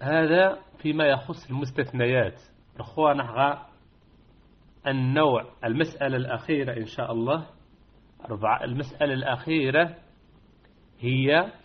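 A man's voice: mid-range voice, moderate pace, long pauses. A middle-aged man, teaching a Quran recitation class, patiently repeating and drawing out example words for his students. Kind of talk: classroom lesson with dictation. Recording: dull lo-fi recording.

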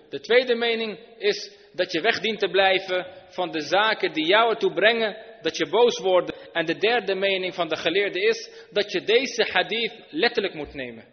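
A high-voiced man delivers an Islamic sermon in a reverberant hall, earnest and explanatory, weaving Arabic phrases into his talk. The sound is dull and lo-fi, with a long hall reverb.

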